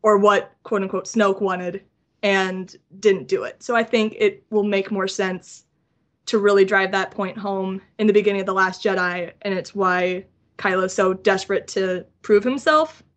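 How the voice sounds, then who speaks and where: A woman guest on a fan podcast, chatting enthusiastically in long excited runs. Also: mid-range voice, moderate pace. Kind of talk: casual chat.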